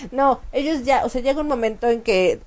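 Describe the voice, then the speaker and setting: A woman's voice: high-pitched, moderate pace. A woman, co-hosting a casual chat show and explaining points at length with frequent restarts. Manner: animated, explanatory, many restarts and fillers. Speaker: co-host.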